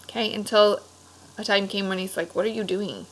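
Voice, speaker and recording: Speaking briskly in a steady mid-range voice, a woman leads a read-aloud discussion lesson for children as an elementary teacher, captured in a rough recording. Her phrasing is simple, explanatory and encouraging, full of questions and check-ins.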